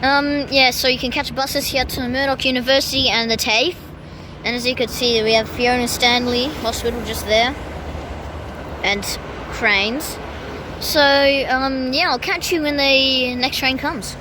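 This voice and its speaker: A woman's voice: high voice, fairly even intonation, measured pace. A woman giving train-spotting vlog commentary on a train platform, calling arrivals and departures like an announcer with casual asides. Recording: loud train and platform noise. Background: trains, vehicles, outdoor station ambience.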